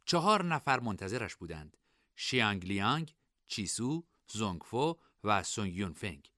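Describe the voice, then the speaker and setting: A man's bright, forward voice tells a fantasy novel as an audiobook, expressive and varied, his pitch rising and falling around a middle register. The scripted narration is captured close and dry, without any room sound.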